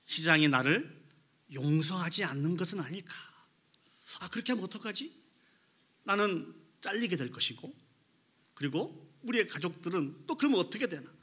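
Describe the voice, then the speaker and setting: An anxious, pleading office clerk, put on by a male preacher inside a sermon story, with a husky edge and a pushy, bright voice. He worries aloud and begs for mercy. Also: high-pitched, lively intonation, normal speed, long pauses, exaggerated voice. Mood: worried. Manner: worried, begging inner speech.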